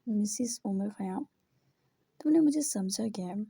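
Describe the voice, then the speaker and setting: A woman's voice: medium pitch, normal speed, mellow, breathy edge, no echo. A woman voicing a teasing possessive young man. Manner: playful and coaxing.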